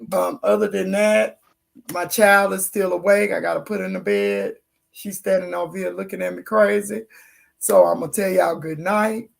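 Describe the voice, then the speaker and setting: Hoarse gravelly woman hosting a livestream. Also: on the low side, a little mellow. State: hoarse, losing her voice. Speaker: livestream host. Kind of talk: casual livestream chat.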